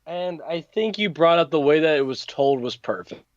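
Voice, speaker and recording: Lively, gushing man on a dry mic. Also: a little high, moderate pace, no room sound, dull audio. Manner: enthusiastic, gushing, giggly. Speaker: podcast co-host. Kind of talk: casual movie review chat.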